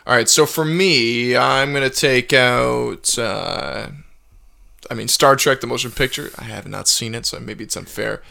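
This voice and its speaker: A man's voice: mid-range voice, measured pace, creaky, a crowd in the background. A young man hosting a podcast in casual chat, easygoing and affirming, laughing along with his guest. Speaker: podcast host.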